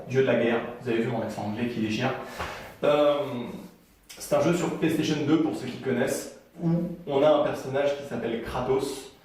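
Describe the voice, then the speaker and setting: A man's voice: mid-range voice, a little mellow, heavy reverb, recorded from a distance. A man giving a casual video lesson on writing, chatty with frequent fillers and restarts. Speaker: writing coach.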